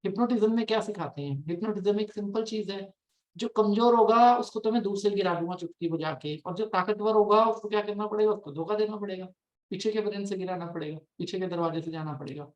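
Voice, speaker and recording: A man's voice: high-pitched, quick pace, highs cut off. A man, a life coach, giving an explanatory spiritual talk, emphatic and answering his own rhetorical questions. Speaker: life coach and meditation teacher. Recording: echoey room.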